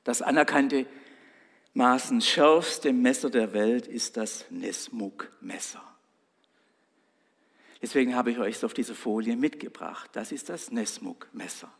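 A man preaching a sermon, dramatic and emphatic, slowing down to stress his words. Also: mid-range voice, big-room sound. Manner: dramatic, slow and emphatic with swells of loudness.

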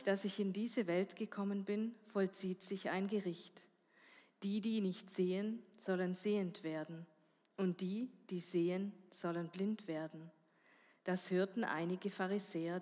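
A woman with a somewhat low voice reads scripture aloud in a measured way. She lends the quoted speakers a little expression, and a long church reverb surrounds her. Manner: measured, voices the dialogue lines. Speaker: scripture reader. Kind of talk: Bible reading.

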